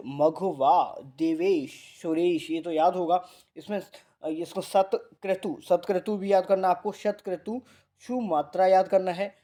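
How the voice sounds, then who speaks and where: Mellow-voiced male teacher drilling vocabulary. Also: high voice. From India. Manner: repeats words and drills students; casual, addresses students as bhai. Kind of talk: Hindi vocabulary lesson.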